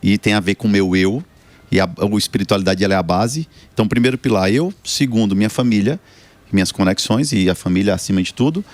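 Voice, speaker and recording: This fortyish guest author from Brazil has a fairly low voice and talks fast, captured in a dry recording. Chatting casually on a talk show, he speaks earnestly and motivationally about his book and his life, frequently ending with "né?".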